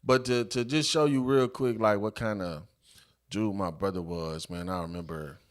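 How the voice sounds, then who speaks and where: Chill guy w a lowish voice spinning a story on a podcast, lots of slang. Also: steady tone, normal speed. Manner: laid-back, loose slang, tells stories. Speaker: podcast host. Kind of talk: casual storytelling chat.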